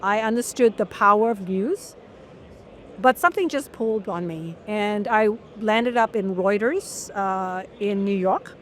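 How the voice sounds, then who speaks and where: A middle-aged woman from Malaysia, a journalist being interviewed, telling her story in an articulate, measured way. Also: mid-range voice. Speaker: guest journalist. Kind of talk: long-form interview.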